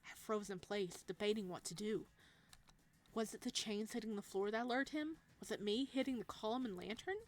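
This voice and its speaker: Reading a visual novel's text out loud, a female let's player tosses in casual remarks, giggling and reacting with playful energy. She speaks at a normal pace in a mid-range voice.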